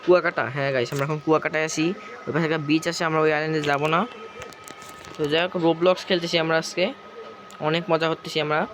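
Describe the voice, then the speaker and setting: A hoarse man with a Bangladeshi Bengali accent, rambling through casual gameplay commentary as a gaming YouTuber. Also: on the high side, level tone, fast, a bit bright, slight background noise. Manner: rambling, chatty, keeps circling back with the same filler. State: hoarse from a cough.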